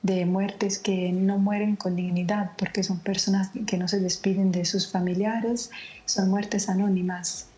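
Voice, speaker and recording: A woman from Naples with Italian as her first language, speaking slowly and in a measured way over a remote link, tired late at night. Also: medium pitch, flat delivery, dark tone. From Naples, Italy. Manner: slow, measured, subdued. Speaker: correspondent. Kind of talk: remote news interview. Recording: lo-fi remote call line.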